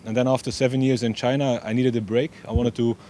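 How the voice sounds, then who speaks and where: A young Belgian man, an eager race director, chats casually as an interview guest, saying "yeah" often and using loose non-native grammar. His warm, medium-pitched voice moves fast with little change in pitch, and there's a slight hiss or hum on the recording.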